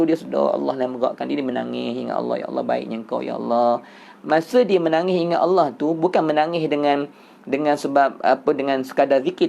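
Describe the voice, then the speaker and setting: A man's voice: fairly high pitch, gravelly, dark tone. A man with a Malaysian Malay accent gives a Sufi religious lecture. He explains patiently, repeats phrases for emphasis and keeps turning back to address his listeners. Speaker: religious teacher.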